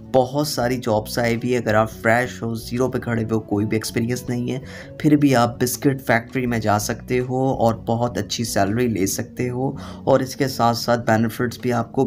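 Gravelly man urging viewers. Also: medium pitch. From Pakistan. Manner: urging, repetitive, reassuring. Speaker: job-info YouTuber. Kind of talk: voice-over walkthrough. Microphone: voice-over, not recorded on site.

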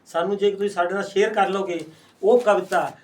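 High-voiced male interviewer, distant mic. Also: fairly even intonation, a little fast. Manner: frequent short agreeing replies. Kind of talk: casual interview talk.

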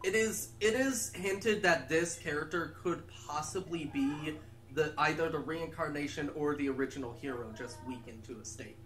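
Bright-voiced man explaining game lore. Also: a little high, moderate pace. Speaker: co-commentator. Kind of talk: casual game commentary.

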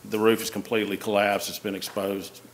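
Lower-voiced man reporting with fillers. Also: flat delivery, fairly quick, a little hiss or hum. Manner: plain, hesitant with many fillers. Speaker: city code official. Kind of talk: reporting to a council. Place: council chamber.

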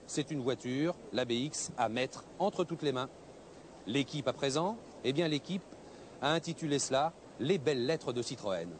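Brisk male television reporter at a show. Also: medium pitch, a little mellow, slight background noise. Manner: brisk, chatty interviewer. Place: crowded indoor exhibition hall. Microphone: handheld microphone.

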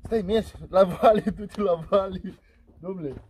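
A man in an amateur comedy sketch, loudly bossing someone around and often bursting into laughter, outdoors in a rural yard. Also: sits high, slight background noise. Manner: loud, bossy, laughing.

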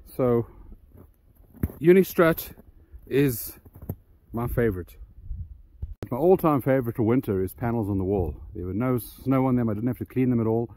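Guy rambling about his diy solar mount outside, dark mellow voice, lots of ums, bit out of breath. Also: medium pitch, normal speed, long pauses, a little hiss or hum. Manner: rambling, hesitant, many ums and restarts. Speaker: DIY solar channel host. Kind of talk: casual walkthrough vlog. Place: outdoors by a ground-mounted solar array.

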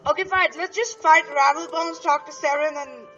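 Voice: high-pitched, moderate pace, over loud music. A young gamer hosting a casual gameplay chat over a muffled voice connection. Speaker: gaming video host.

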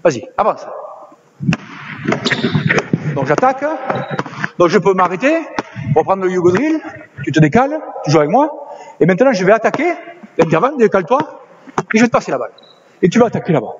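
A man coaching basketball players on court, directing drills with quick commands and encouragement. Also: sits high, sing-song. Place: indoor basketball gym. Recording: slightly dull lo-fi sound with faint noise.

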